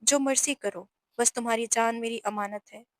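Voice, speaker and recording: Lady doing a strict worried mom, firm scolding, highish voice, dry. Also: fairly even intonation, normal speed, no echo, lightly acted. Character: stern widowed mother, protective and tearful.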